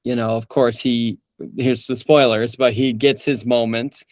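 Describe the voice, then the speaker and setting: In a casual interview, a young male voice actor chats in a relaxed way, laughing often and restarting sentences with plenty of fillers. His mid-range voice moves unhurriedly, recorded in studio quality with no room sound.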